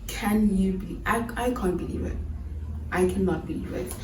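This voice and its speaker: A woman's voice: mid-range voice, moderate pace, a little mellow, slight background noise. A nineteen-year-old woman chatting casually in a vlog, laughing easily and often restarting her sentences. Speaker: YouTuber. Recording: echoey room, mic far off.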